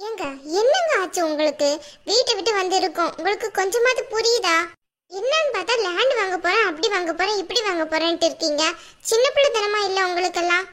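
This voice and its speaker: Woman playing a very high, bright young wife. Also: animated, quick pace. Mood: pleading. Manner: pleading, defensive, protests. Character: young wife, worried and defensive. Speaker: actor. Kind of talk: family drama skit.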